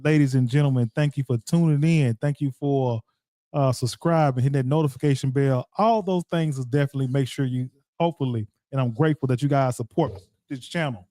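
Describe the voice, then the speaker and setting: Man, radio host, casual rambling chat, warm relaxed voice, dry close sound. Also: medium pitch, fairly quick, dry recording. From Dallas-Fort Worth area, Texas. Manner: rambling, repeats words, talks straight to listeners. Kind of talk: casual solo commentary.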